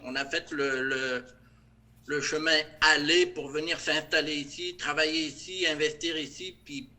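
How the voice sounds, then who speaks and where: Bright-voiced French man, hesitant. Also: a little high, steady tone, moderate pace. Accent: light French accent, partly Québécois. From France. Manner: hesitant, many fillers and restarts. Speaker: interview guest, production director. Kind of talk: casual interview.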